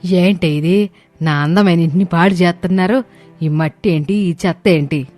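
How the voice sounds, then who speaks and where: A woman voicing a bossy, wealthy mother-in-law in an animated story, talking in a sharp, scolding way. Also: sits low, moderate pace, soft background music, close to an everyday voice.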